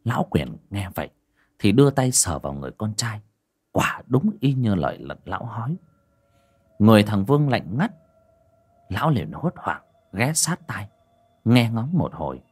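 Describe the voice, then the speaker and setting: A man tells a horror story with dramatic expression. His voice is low and husky, and it rises and falls freely. He narrates at an even pace. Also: normal speed, long pauses.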